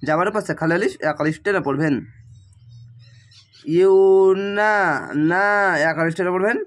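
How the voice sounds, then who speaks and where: A man teaching Quran reading, chanting each Arabic word slowly and stretched out, then explaining the rules quickly in plain speech. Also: a little high, fairly bright tone. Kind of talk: slow spelled-out recitation lesson.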